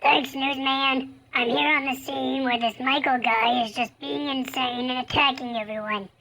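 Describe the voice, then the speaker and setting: Brief: man doing a high, raspy, frantic reporter. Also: fairly even intonation, bright, forceful tone, exaggerated voice. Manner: squeaky, rushed, from far off. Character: frantic young male field reporter.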